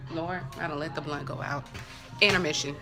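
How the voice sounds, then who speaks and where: With music playing behind her, a low-voiced woman vlogger tells her viewers a story a little quickly. It's casual and comic, lively and profane, with chatty asides and dialogue she acts out.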